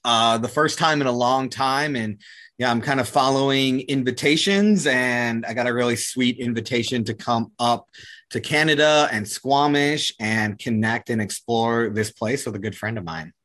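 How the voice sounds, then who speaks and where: A man speaking as a podcast guest in a relaxed, laid-back way, often saying "like". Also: mid-range voice, normal speed. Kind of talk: casual conversation.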